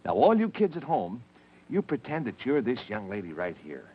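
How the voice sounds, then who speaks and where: A man's voice: medium pitch, wildly swooping pitch, normal speed, slightly rough. A man hosting an old children's TV show, speaking in a folksy, exclamatory way to the kids. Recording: muffled, noisy old TV recording.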